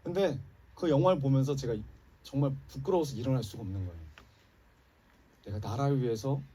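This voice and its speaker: A man's voice: medium pitch, fairly quick, dark tone, breathy edge. A man preaching a Sunday sermon as pastor, speaking passionately and addressing the congregation directly. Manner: impassioned preaching, rising and dropping emphatically, addresses congregation. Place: church sanctuary. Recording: church sermon recorded from a distance.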